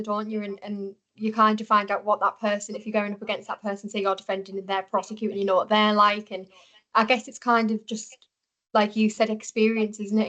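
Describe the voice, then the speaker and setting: Chatty young woman, very even intonation. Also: mid-range voice, highs cut off. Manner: chatty, uses frequent tag questions and likes. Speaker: podcast host. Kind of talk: casual podcast chat.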